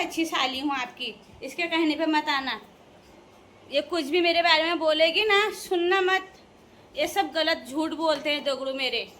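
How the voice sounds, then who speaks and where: A woman's voice: sits high, bright, forceful tone, slight background noise. A young woman from the Uttarakhand hills, chatting casually and teasing in a playful vlog, laughing often. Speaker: vlogger addressing viewers.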